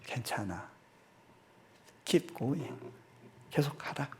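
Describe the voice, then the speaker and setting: A middle-aged man preaching in a church, his voice gravelly and low-edged with fry. He tells a personal story with animated delivery, voicing his own prayers aloud. His pitch sits in an ordinary middle range. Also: very slow, slight background noise. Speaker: missionary preacher. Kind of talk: storytelling sermon. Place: church sanctuary.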